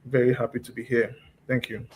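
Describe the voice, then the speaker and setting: A man's voice: medium pitch, flat delivery, fairly quick, a little hiss or hum. Earnest Nigerian man asking rhetorical questions. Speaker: forum leader. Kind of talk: opening remarks. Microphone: video call.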